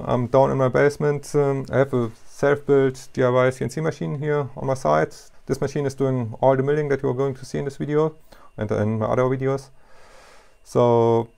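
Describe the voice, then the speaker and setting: A middle-aged man with a German accent, a non-native English speaker, talking casually and haltingly to camera about his hobby machining in his basement workshop. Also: medium pitch, vocal fry, darkish tone. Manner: halting, many fillers, self-deprecating. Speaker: YouTuber, hobby CNC machinist.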